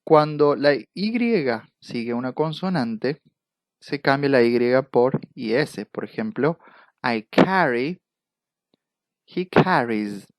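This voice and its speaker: A male teacher with an Argentine Spanish accent walks through English verb forms one at a time in a recorded lecture. He talks slowly and patiently at a middle pitch. The recording is dry and close, with no room echo. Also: lively intonation. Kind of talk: recorded lecture over slides.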